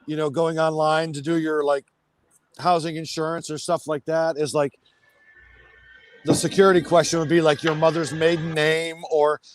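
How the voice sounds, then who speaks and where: A man's voice: a little high, flat delivery, moderate pace. A man in casual, swearing chat on a call, his voice cutting in and out and dropping words. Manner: ranting, swearing, many fillers. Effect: voice cutting in and out on a call line. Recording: dropouts on an online call.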